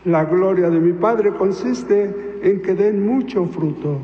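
A priest reading the Gospel aloud in a solemn, measured way, his voice carrying a cathedral echo. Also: high-pitched. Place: large church. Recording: echoey church reverb, dull lo-fi sound.

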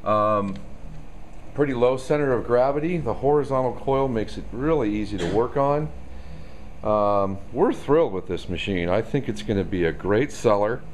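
An equipment salesman with a medium-pitched, expressive voice gives a casual walkaround demo of a machine in a store showroom. He talks at a normal speed, loosely, with lots of ums and uhs, and there's slight hiss or hum in the audio.

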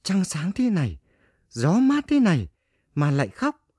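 Guy doing a friendly excitable little plant for a kids storybook, high n bouncy. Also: unhurried, slightly rough, no room sound, clean studio sound, exaggerated voice. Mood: curious. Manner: exclamatory, repeats phrases eagerly. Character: excitable, friendly young bean plants, chattering together. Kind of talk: children's storybook character voice.

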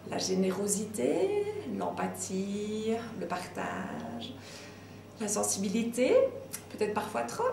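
A woman's voice: mid-range voice, wildly swooping pitch, slow pace, gravelly, a little mellow, slight background noise. A middle-aged woman answering interview questions with eager enthusiasm, speaking in a small room. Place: small room with brick wall. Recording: echoey room, mic at a distance.

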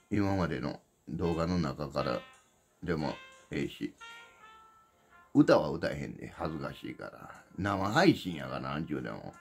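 A man's voice: extremely low pitch, creaky. A man with a Kansai accent, casually announcing his upcoming livestream in a blunt, rambling way that repeats itself. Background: background music.

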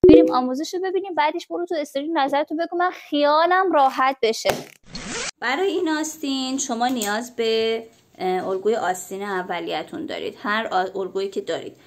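A woman with a cold, chatting to viewers as she explains a sewing pattern step by step. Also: on the high side. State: has a cold. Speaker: sewing instructor. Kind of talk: casual tutorial.

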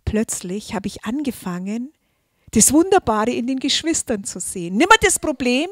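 High-voiced fervent woman preaching. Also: very animated, moderate pace, dry recording, clean studio sound. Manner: passionate, swings between hushed and loud exclamations. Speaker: church member giving testimony. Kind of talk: fervent sermon testimony. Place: church service.

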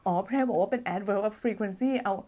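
With slight background noise, a phone or desk live-stream mic records a woman whose mid-range voice has a dark tone and moderate pace. She teaches English grammar live, reading viewer comments in a chatty, playful manner, often laughing and humming as she thinks aloud.

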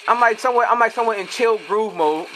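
A man's voice: sits high, fast, slight background noise. A young man, trash-talking his teammates while commenting on his own gameplay. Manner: excitable, profane trash talk. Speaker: gamer.

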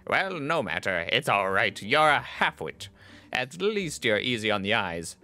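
Guy doing a snooty toy king, super bright goblin voice, sneers at everyone. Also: fairly low pitch, very animated, a little slow, full character voice. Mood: mocking. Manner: sneering, theatrical and condescending. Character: haughty insulting male toy lord.

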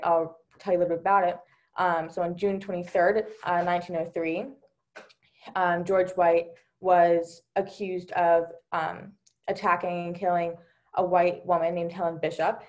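Speaking on a video call as part of a virtual panel, this young Delaware woman shares a personal story in a lowish voice with a darkish tone. She comes across as earnest, scattering plenty of "ums" and "you knows" through her account.

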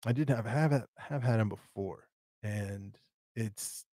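A man's voice: on the low side, takes it slowly, warm tone, no room sound, clean studio sound. A man hosting a live stream, casually rambling through viewer questions with lots of fillers and restarts. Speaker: tarantula channel host.

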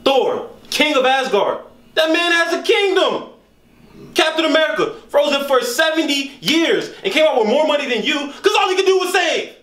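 High, sharp-voiced mocking man. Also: sing-song, moderate pace. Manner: mocking, lecturing, rattles off points. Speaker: roommate lecturing his friend in a comedy sketch. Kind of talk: casual slangy sketch comedy. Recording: echoey room, faint noise.

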